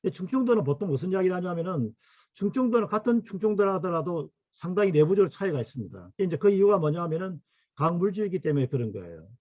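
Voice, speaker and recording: Halting middle-aged male history lecturer. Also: sits high, big pitch swings, no room sound, lo-fi sound. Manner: halting, full of fillers, asks for next slide. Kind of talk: academic lecture to workshop attendees.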